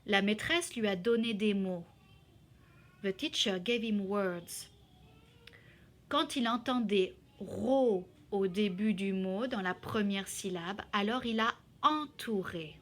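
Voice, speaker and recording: A woman teacher explaining a reading exercise to children slowly and carefully, sounding out syllables. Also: medium pitch. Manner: slow, careful, spelling out syllables. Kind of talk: slow classroom explanation in two languages.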